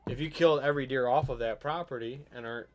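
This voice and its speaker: A man hosting a casual hunting podcast, rambling and animated, often checking that the listener follows. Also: medium pitch, fast talker. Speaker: podcast host.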